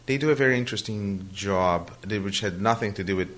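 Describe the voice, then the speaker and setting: The Brazilian man, a native Portuguese speaker, replies to interview questions briskly in a lowish, slightly bright voice, though he remains hesitant, with many fillers and restarted sentences.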